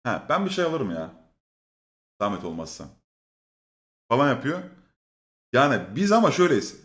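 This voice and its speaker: A man's voice: medium pitch, wildly swooping pitch, normal speed, fairly bright tone, reverberant. A man telling a long, funny story in a casual way. He swears often, laughs, and acts out the lines of other people. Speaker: storyteller on a stream.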